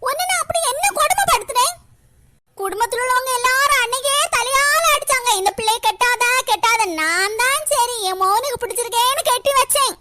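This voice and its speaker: A bitter, quarrelsome old mother-in-law voiced by a woman scolds in a very high, piercing cartoon voice. Her bright, sharp tone carries sarcasm and self-pity as she nags her daughter-in-law. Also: a little fast. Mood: scolding. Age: older. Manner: scolding, sarcastic, breaks into crying. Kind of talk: cartoon comedy voice acting.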